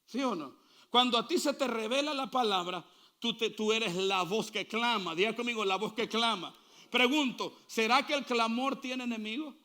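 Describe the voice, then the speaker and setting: A male pastor preaching a sermon, asking the congregation to repeat after him and building to loud, fervent calls. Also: extremely high pitch, normal speed. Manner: call-and-response preaching, building to shouts.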